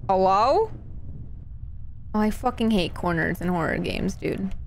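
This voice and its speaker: Nervous and scared while playing a horror game, a woman streamer offers casual live commentary in a medium-pitched voice with lively intonation, a little slow. She swears, exclaims, and tosses in playful jokes, with slight background noise behind her.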